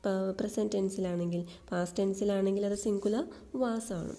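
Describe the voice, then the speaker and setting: A woman, explaining grammar exam questions and slowly dictating the sample sentences word by word. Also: mid-range voice, steady tone, dark tone. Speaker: exam coaching teacher.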